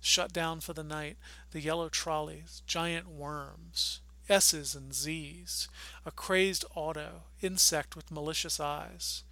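Bright, high-voiced man reading poetry. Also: fairly even intonation, takes it slowly, creaky, no room sound, rough recording. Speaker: podcast host reading a poem aloud.

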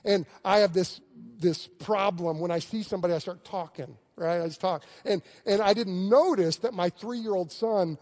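A middle-aged man preaching a sermon, telling stories animatedly, with frequent restarts and swings between loud and hushed delivery. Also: high voice, moderate pace, few pauses. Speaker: pastor.

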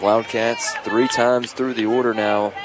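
A man's voice: medium pitch, level tone, a little slow. A man giving live baseball play-by-play in short, clipped descriptive calls. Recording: outdoor ballpark with clear crowd noise. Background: ballpark crowd.

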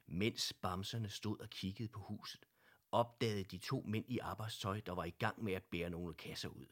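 A man narrating a children's audiobook with expressive storytelling. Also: on the low side.

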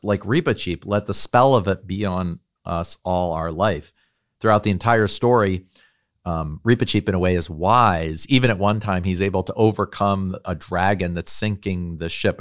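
A man's voice: deep voice, moderate pace, dry recording, studio quality. A man who teaches at a university, giving a thoughtful lecture on literature and faith and often checking in with tag questions.

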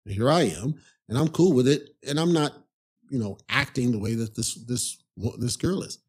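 A man with a husky, slightly breathy voice at an ordinary middle pitch talks through a personal story as a podcast host. His delivery is loose and conversational. He circles back on himself and scatters "you know" through his sentences, with an exasperated edge. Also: animated, moderate pace, a little mellow. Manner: rambling, conversational, frequent "you know" asides. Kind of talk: casual storytelling monologue.

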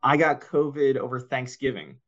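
Male guest from Philadelphia, wry, joking, mid pitch, muffled lo-fi remote line. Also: lively intonation, moderate pace. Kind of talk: casual chat.

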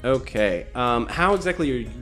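A man narrates a tabletop role-playing game in a casual, stop-start way, peppered with ums. His voice sits at an ordinary middle pitch. Faint background music plays beneath him. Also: expressive, normal speed, a bit bright. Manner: casual, hesitant with many ums, vivid gross-out narration. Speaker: game master.

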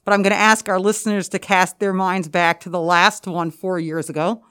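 A woman's voice: on the low side, level tone, normal speed, a bit bright, clear, resonant tone. A woman with an American accent giving explanatory interview answers, articulate and emphatic with rhetorical questions, slightly muffled by a mask. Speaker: interview guest, school administrator and researcher. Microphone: podcast microphone, through a face mask.

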